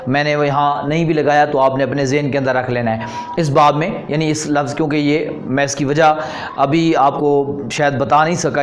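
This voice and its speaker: A man with a Pakistani Urdu accent and a slightly high voice leads an online Arabic grammar lesson. He explains each rule step by step. Then he recites the verb forms in slow, drawn-out chants.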